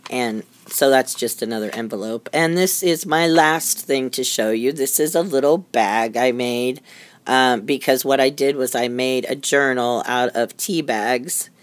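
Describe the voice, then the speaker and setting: A woman's voice: rumbling low, a little slow. A middle-aged woman chats casually as she shows off things she has made. Her talk rambles along and is easily amused. The sound is dry, with very little room echo. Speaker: craft maker showing handmade journals. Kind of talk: casual show-and-tell. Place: indoors at a craft desk.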